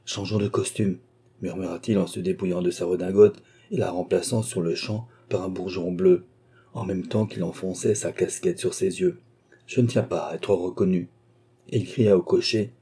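A man's voice: sits low, mellow, slightly rough. A man narrating an audiobook novel, voicing the characters' dialogue with lightly raised voices. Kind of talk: scripted narration.

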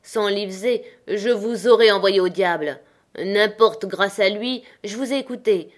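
A woman voicing a haughty, indignant gentleman squire in a storybook reading. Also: mid-range voice, measured pace, lightly acted.

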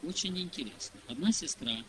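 A man preaches a sermon in a conversational, anecdotal style, asking rhetorical questions and acting out snippets of dialogue. His voice is fairly high, with big pitch swings and a slightly fast pace. The amateur recording is noisy and hissy.

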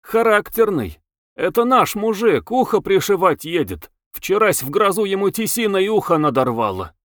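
A man's voice: sits high, moderate pace, no room sound, studio quality, pitched above the performer's own voice. An adult man voicing a snub-nosed teenage boy coachman who is cheeky and talkative, in an audiobook reading. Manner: lively, talkative, rustic. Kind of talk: audiobook character voice.

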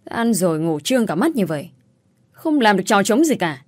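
A woman's voice: medium pitch, sing-song, fairly quick, darkish tone, no echo. A woman voicing a harsh, bullying sister-in-law in a told story, scolding and insulting with contempt. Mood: scornful scolding. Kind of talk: storytelling, acted dialogue.

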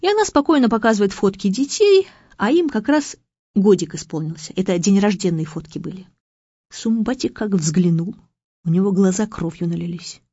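Dark-voiced woman reading a story aloud. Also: mid-range voice, normal speed, dry recording. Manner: lively storytelling, gossipy voice for the teller. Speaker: audiobook reader. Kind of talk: narrating a story with character voices. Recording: dry, slightly muffled reading.

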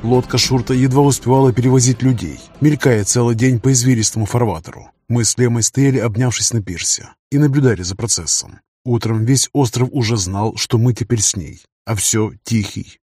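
A man narrates a first-person audiobook in an even, measured way. His voice is husky, with a middling pitch. The recording is dry and close, with no room sound. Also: no echo. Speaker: audiobook reader.

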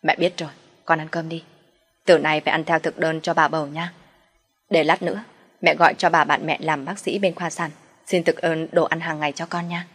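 A domineering older mother-in-law from an audio story, voiced by a woman narrator, sharp and contemptuous with a somewhat low voice. She scolds hard and bosses people around. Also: little pitch movement, normal speed, slightly rough. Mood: reassuring.

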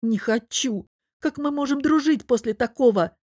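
A woman's voice: normal speed, a little mellow, dry recording, clean studio sound. A woman doing a sobbing, distraught young woman. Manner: sobbing, high-strung pleading. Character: tearful upset young woman, hurt and defensive.

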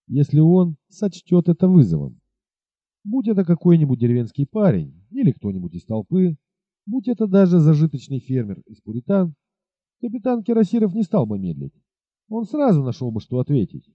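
A man's voice: mid-range voice, breathy edge, no room sound. A man narrating an adventure novel expressively as an audiobook reader. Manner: expressive storytelling. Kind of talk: scripted narration. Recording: dull lo-fi recording.

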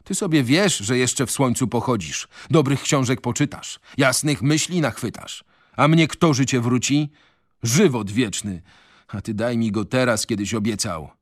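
A man's voice: medium pitch, moderate pace, no echo, clean studio sound, close to an everyday voice. A man reading a novel on radio, voicing a bitter, mocking male prisoner who feels he is dying. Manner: sarcastic, impassioned. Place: radio studio.

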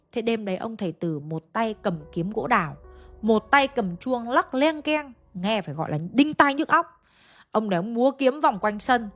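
A woman narrating a ghost story in a chatty way, speaking straight to her listeners. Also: fairly high pitch. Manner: chatty, addresses listeners directly.

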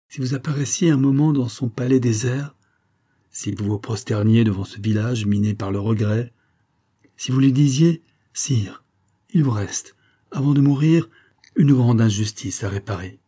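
A man's voice: fairly low pitch, warm tone, breathy edge. A man reading an audiobook, voicing a bitter old former prisoner who urges and accuses with sombre energy. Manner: insistent, sombre and urgent.

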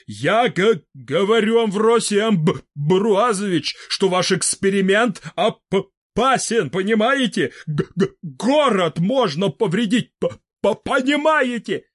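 A man's voice: high-pitched, no echo, clean studio sound, heavily acted. A man doing a badly stuttering flustered wizard. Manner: heavy stutter, excitable. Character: flustered stuttering older male wizard scientist.

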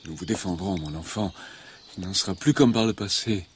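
An actor playing a calm, reassuring gentleman in a radio drama, speaking in a measured way. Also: deep voice, slight background noise, lightly acted.

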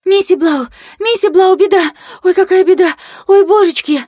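A panicked young serving girl in an audiobook, shrieking and wailing in a high, frantic rush. The sound is dry and close to the mic. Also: moderate pace, darkish tone, no room sound. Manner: shrill, frantic, breathless chatter. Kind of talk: audiobook character voice.

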